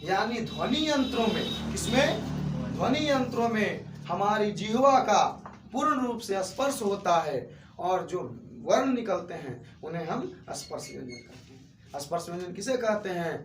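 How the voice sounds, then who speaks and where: A man's voice: high-pitched, expressive, normal speed, faint music behind. A man with a Bihari accent teaching a grammar lesson in a classroom, asking the class questions and answering them himself. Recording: echoey room, far from mic, faint noise.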